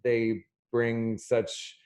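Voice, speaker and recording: A man moderating an artist talkback over a video call, giving closing thanks in an unhurried way with many fillers. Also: mid-range voice, flat delivery, darkish tone. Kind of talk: closing remarks in a video chat.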